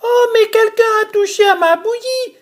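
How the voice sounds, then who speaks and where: A man voicing the tiny little bear in a storybook reading, in a very high, quick, squeaky voice. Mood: whiny.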